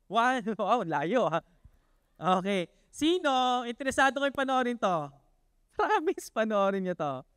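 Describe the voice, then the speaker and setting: A man preaching a casual, conversational sermon who peppers the congregation with questions and laughs, stumbles through fillers and then builds to excited emphasis. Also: sits high, clean tone, no echo, clean studio sound. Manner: chatty, asks the congregation questions, laughs often. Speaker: pastor. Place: church worship hall.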